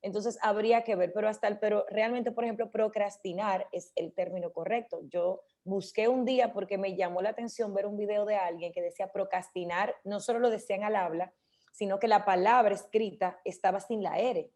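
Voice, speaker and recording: A woman's voice: medium pitch, steady tone, mellow. Woman explaining speech habits. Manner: explanatory, slows down to demonstrate words. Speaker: radio host. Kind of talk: casual radio talk about speech.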